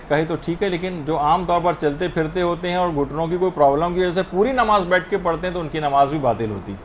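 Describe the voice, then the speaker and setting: This religious teacher, a man with a high voice, patiently explains each ruling on prayer and slows down to demonstrate correct pronunciations. Faint noise runs underneath the recording.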